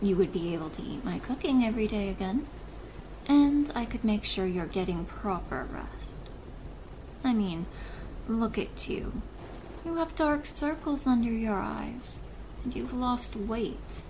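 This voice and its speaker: A woman plays a doting yet possessive stepmother in an ASMR role-play drama. She speaks slowly and deliberately at a medium female pitch, motherly, chiding and controlling. A faint wash of rain sits behind the voice. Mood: scolding, coaxing. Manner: slow, deliberate, softly chiding, maternal. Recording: noisy rain ambience behind voice.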